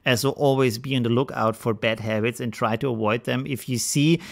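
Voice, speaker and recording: A man's voice: medium pitch, fairly even intonation, fairly quick, gravelly. A man hosting a video, giving frank, casual advice straight to camera with frequent fillers and restarts, an English speaker. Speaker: video host.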